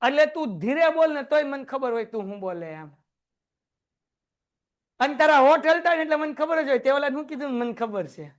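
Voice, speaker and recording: A man teaching a class, lively and joking as he quizzes his students. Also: very high voice, fairly quick. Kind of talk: classroom lecture.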